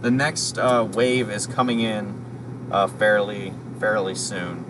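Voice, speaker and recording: Low-voiced man livestreaming, noisy distant mic. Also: little pitch movement, takes it slowly. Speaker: livestream host covering a storm. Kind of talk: casual live commentary.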